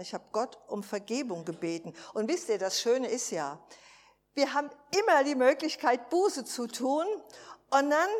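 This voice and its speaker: A woman's voice: high voice, in a large hall. A woman preacher giving an emphatic sermon, often asking her listeners for assent.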